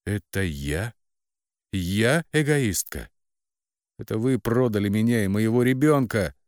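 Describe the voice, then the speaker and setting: A man's voice: low-pitched, lively intonation, moderate pace, darkish tone, dry recording, clean studio sound. A man voicing a desperate, hurt young woman who pleads and cries out against her family. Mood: anguished. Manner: pleading, anguished.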